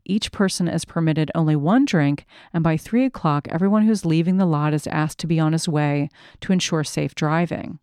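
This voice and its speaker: A woman reading a first-person memoir aloud in a measured, reflective storytelling manner. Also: sits low, mellow, clear, resonant tone, no room sound, clean studio sound. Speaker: narrator.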